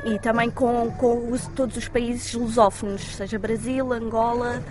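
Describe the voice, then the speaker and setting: A woman with a Lisbon Portuguese accent, talking in a casual interview with quick restarts. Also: a little high, little pitch movement. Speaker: interviewee, architect.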